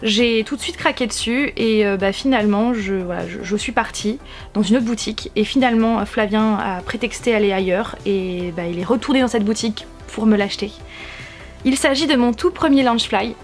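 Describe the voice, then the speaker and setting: A woman's voice: mid-range voice, a little fast, soft background music. A young woman vlogging at home, chatting enthusiastically about her purchases with lots of restarts. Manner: enthusiastic, gushing, many restarts. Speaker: YouTube vlogger. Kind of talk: casual haul video chat. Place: warm room at home with a fan running. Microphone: camera-mounted shotgun mic.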